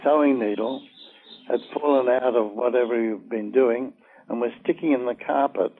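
An older man telling a long personal story in an oral-history interview, halting and full of fillers. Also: medium pitch, breathy edge. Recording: tinny phone-like old recording.

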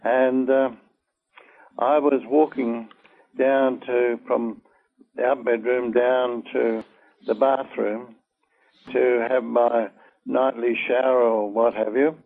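An older man telling a long personal story in an oral-history interview, halting and full of fillers. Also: medium pitch, little pitch movement. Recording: tinny phone-like old recording.

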